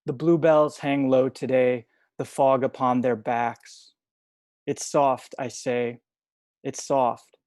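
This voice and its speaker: A young man reading poetry over a video call from home, soft-spoken and hesitant between poems. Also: mid-range voice, flat delivery, slow pace, no room sound. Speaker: poet reading at a livestream.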